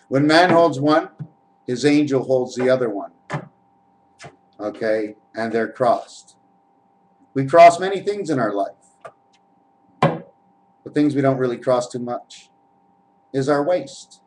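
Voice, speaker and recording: Talking to viewers as friends, a vlogger at home wanders through a spiritual monologue on camera, spinning wordplay out of letters and numbers. He speaks slowly and expressively in a mid-range voice, pausing often, over a noisy background.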